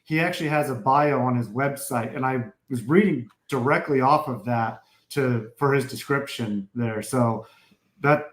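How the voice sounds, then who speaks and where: A man's voice: mid-range voice, moderate pace. A male podcast host in casual chat, rambling and often correcting himself. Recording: roomy echo.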